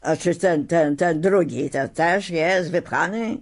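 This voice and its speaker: A big cowardly lion who drawls his words slowly and stammers, humble and a bit ashamed, as a woman reading a storybook puts him on. His voice is loud but drawn out and unsure. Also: on the low side. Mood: sheepish. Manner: slow, humble, hesitant.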